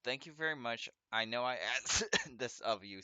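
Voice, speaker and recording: A man's voice: medium pitch, lively intonation, moderate pace, pushed and bright, clear, resonant tone, dry recording. A man hosting a let's play, reading game text aloud and chatting casually, with a speech impediment that makes his S and R sounds come out a little off. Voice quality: speech impediment, trouble with S and R sounds, a slight lisp. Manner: stumbles over foreign words, self-correcting and chatty.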